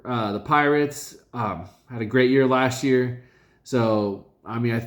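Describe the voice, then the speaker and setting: Speaking in a mid-range voice, a man reviews the draft picks from his fantasy league in a casual, halting way, full of filler words and corrections of himself as he rambles.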